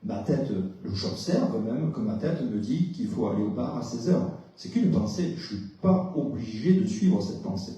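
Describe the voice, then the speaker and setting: A psychologist gives a conference talk indoors in a lecture hall, explaining step by step, putting questions to the audience, and often hesitating with "euh." His voice is mid-range, dark-toned and lively in intonation, unhurried yet with hardly any pauses, heard through a distant mic in a very echoey hall.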